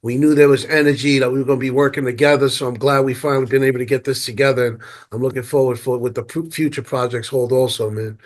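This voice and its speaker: A man hosting a podcast, excited about his guest and full of casual slang. He stumbles and repeats words as he gets going, and his voice sits at an ordinary middle pitch. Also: quick pace. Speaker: podcast host. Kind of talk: casual interview chat.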